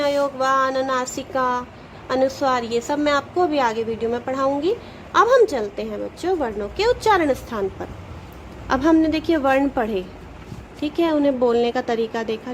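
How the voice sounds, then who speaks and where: A woman teacher giving a grammar lesson to children, patient, sounding out letters slowly and asking questions she then answers herself. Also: high-pitched, a little hiss or hum, rough recording. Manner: addresses pupils directly, asks questions then answers them.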